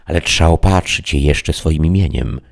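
Sancho Panza, voiced by a deep-voiced man. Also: normal speed, gravelly, full character voice. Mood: excitable. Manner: loud, exclaiming, folksy. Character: blustering, excitable peasant squire, middle-aged man. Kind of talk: audiobook character reading.

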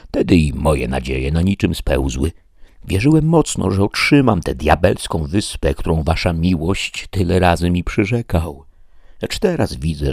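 A man voicing a timid, pleading peasant squire who talks high and strained. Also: a little mellow, slightly rough, no echo, clean studio sound, heavily acted.

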